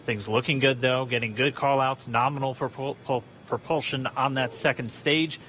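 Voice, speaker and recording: A man gives live launch commentary as a webcast host. His medium-pitched voice is bright and even, over faint background noise. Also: moderate pace.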